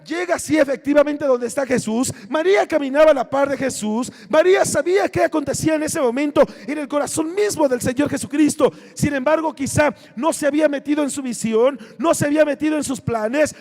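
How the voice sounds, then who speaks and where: A man's voice: very high-pitched, creaky, a little mellow. A man with a Mexican accent preaching a passionate sermon as pastor, acting out prayers and biblical figures. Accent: Mexican Spanish. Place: church. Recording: long reverb from a church hall.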